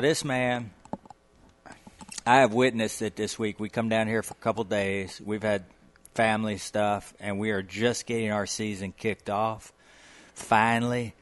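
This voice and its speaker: A man's voice: fairly low pitch, fairly bright tone. A man co-hosting a casual podcast, talking in a folksy, enthusiastic, rambling way. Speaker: podcast co-host. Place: guest's home on the coast.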